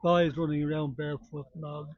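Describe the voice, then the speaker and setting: An older man with a Dublin Irish accent, reminiscing in casual conversation in a halting way, with repeated yeahs. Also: fairly high pitch, flat delivery, dull audio, crowd noise. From Dublin, Ireland. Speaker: local resident being interviewed.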